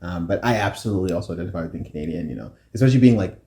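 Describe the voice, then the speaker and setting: A man from Africa co-hosting a casual podcast chat, animated, laughing often and restarting his sentences. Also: sits low, rapid-fire. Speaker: podcast co-host. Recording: roomy echo.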